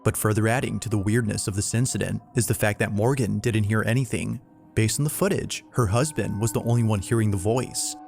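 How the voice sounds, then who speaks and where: Brief: deep, gravelly male narrator, scripted and measured, background music. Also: darkish tone. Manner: measured storyteller. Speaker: compilation narrator.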